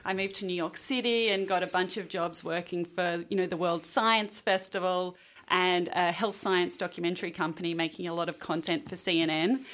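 A woman's voice: fairly low pitch, moderate pace. Woman telling a story. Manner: lively storyteller. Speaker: documentary filmmaker guest. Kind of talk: radio interview.

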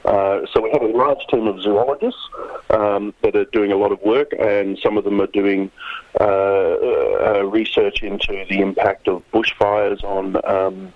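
Halting Australian man on a dull phone line. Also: lowish voice, dry recording. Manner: hesitant, halting, searching for words. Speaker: museum head of science, interview guest. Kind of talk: explanatory phone interview.

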